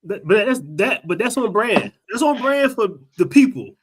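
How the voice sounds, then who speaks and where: A man's voice: high-pitched, big pitch swings, normal speed, breathy edge. A man co-hosting a casual podcast, talking in loose slang with some swearing. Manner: slangy, profane. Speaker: podcast co-host.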